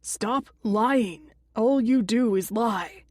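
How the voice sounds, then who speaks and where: A woman's voice: fairly high pitch, extremely slow, no room sound, studio quality. A woman voicing a furious young man with a shotgun. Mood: angry. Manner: shouting, accusing.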